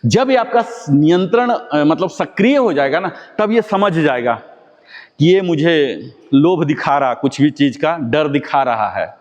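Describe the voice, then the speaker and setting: Hindi-speaking yoga teacher in a reverberant room. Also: male voice, fairly high pitch, expressive, a little slow, a little mellow, muffled recording. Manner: gives step-by-step commands to a group; asks the class rhetorical questions. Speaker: yoga instructor. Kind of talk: guided exercise class. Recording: long reverb.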